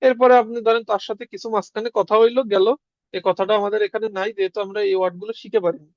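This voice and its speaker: Man, high voice, patient teacher on a dull lo-fi line, dry sound. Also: steady tone, no echo. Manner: explains step by step, repeats words slowly. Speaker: language teacher. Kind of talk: online class lesson.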